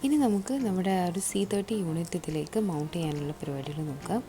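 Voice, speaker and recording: A woman with a Malayali accent talks fast in a warm, low-leaning voice as she presents a hands-on installation tutorial step by step, weaving in English terms. Music plays clearly in the background, and there's a little hiss or hum on the recording.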